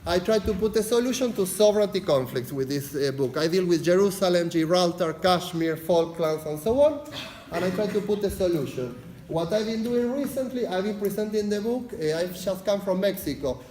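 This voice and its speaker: In an echoey lecture hall with faint background noise, a male Argentine lecturer and unit leader gives a quick-paced introduction to his lecture. His voice sits high and is expressive yet a little mellow, his accent Argentine Spanish, with frequent "uh" fillers and "yes?" check-ins.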